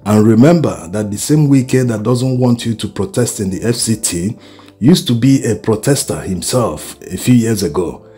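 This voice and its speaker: A man's voice: fairly low pitch, expressive, normal speed, mellow. A man with a Nigerian accent delivering opinionated political commentary, emphatic and exhorting, often posing rhetorical questions. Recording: music behind the voice. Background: background music.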